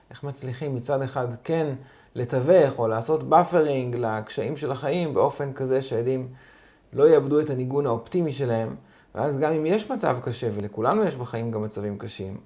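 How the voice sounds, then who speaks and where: A rabbi and education expert answers interview questions at a calm, measured pace. His voice sits at an ordinary man's pitch, and he explains his points step by step. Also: creaky.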